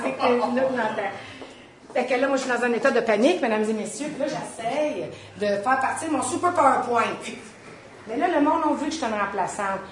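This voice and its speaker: A woman with a Quebec French accent giving a humorous storytelling talk to an audience. She is animated, acts out the voices she quotes and laughs often. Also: on the high side. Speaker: speaker, special education trainer. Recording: echoey hall, mic at a distance.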